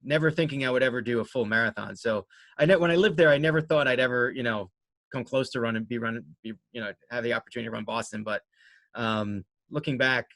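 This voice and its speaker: A man talks casually as an interview guest, at a middling pitch. He rambles along in a conversational way and is modest and self-deprecating about himself. The sound is dry, with little room in it. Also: fast talker, fairly bright tone, no room sound. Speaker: interview guest, amateur runner and race organizer.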